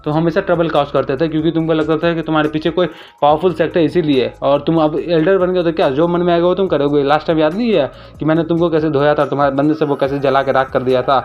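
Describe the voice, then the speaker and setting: A man retelling a comic story in a casual recap, talking rapidly and briefly raising his voice for quoted lines. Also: on the high side, fairly even intonation. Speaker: manhwa recap narrator. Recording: dull lo-fi voice-over with faint music.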